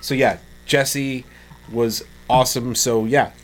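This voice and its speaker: A man's voice: medium pitch, fairly even intonation, takes it slowly. A man co-hosting a podcast, talking in a laid-back, enthusiastic way and often stumbling over his words. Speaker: podcast co-host. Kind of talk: casual chat.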